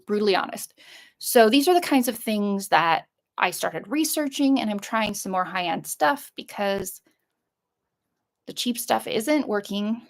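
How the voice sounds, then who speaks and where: A middle-aged woman with a creaky voice, chatting casually through an unboxing in a rambling, hesitant way. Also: mid-range voice. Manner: rambling, hesitant, trailing off and circling back. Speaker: vlogger showing a shopping haul.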